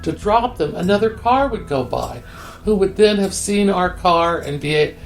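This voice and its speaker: A woman's voice: lowish voice, normal speed, soft background music. An older woman being interviewed, telling a story candidly and acting out the quoted dialogue. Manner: animated, acts out quoted dialogue.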